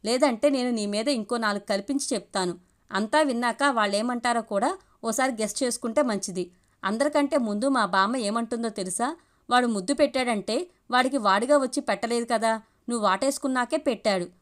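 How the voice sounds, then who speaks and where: A woman's voice: fairly high pitch, a little fast, close to an everyday voice. A woman voicing a cocky young man who taunts and argues smugly in a story reading. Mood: taunting. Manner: taunting, smug, long argumentative speeches.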